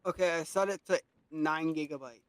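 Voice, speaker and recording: A man with a fairly high, smooth, clear voice chats offhand on stream, muttering about tech trouble. The sound is dry and close, with no room around it. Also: a little fast, fairly bright tone, no room sound. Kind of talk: casual stream chat.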